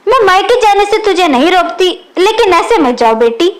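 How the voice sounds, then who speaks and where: A woman reading the lines of a gentle, patient older mother-in-law in a storybook reading, in a soft, soothing way. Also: extremely high pitch, big pitch swings, moderate pace.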